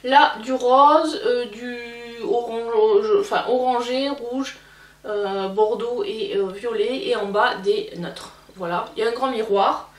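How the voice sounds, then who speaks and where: A woman's voice: fairly high pitch, takes it slowly, reverberant, distant mic. A woman casually chatting through a makeup haul, hesitant and full of fillers. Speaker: beauty vlogger.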